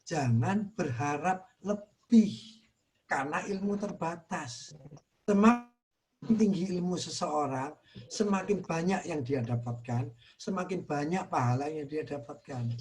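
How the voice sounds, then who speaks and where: Man, Indonesian accent, religious teacher, high pitch, earnest, repetitive emphasis. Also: measured pace. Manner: earnest, repeats phrases softly for emphasis. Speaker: Islamic teacher. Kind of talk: religious study talk.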